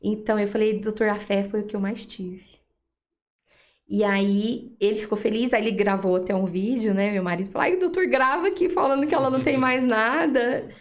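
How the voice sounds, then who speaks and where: Her voice is mid-range and her delivery a little fast as this Brazilian Portuguese-accented woman, an interview guest, recounts her personal testimony of faith. She brings the story to life, acting out what was said.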